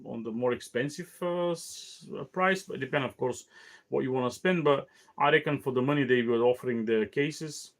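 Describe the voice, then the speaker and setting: Halting, tired man hosting a cigar show. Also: mid-range voice. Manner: halting, many fillers and restarts. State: tired, yawning. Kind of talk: casual solo talk show.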